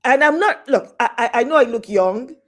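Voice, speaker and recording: A woman in her fifties hosting a casual conversation, expressive, exclaiming and agreeing readily. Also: a little high, normal speed. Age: 50s. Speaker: host.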